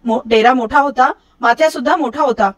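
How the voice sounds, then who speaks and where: A middle-aged woman reading a storybook aloud, lifting her pitch for the quoted characters. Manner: recites verse slowly and lower. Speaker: storybook reader.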